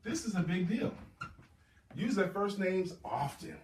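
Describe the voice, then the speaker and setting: A man runs a sales training session, his delivery lively and swooping as he hammers home key words again and again. His voice sits a bit high for a man. The sound is roomy and picked up from some distance away. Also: unhurried, a little hiss or hum. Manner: emphatic, repeats key words for stress. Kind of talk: motivational sales seminar talk.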